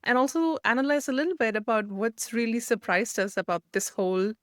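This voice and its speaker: A woman's voice: fairly high pitch, animated, fairly quick, no room sound, studio quality. A woman born and raised in India, co-hosting a podcast and telling stories in a chatty, enthusiastic way. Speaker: podcast co-host. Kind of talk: casual chat.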